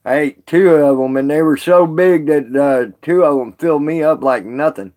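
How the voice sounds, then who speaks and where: A man's voice: fairly high pitch, normal speed, a little mellow. A man chatting casually on a live stream with viewers, rambling and folksy, laughing often.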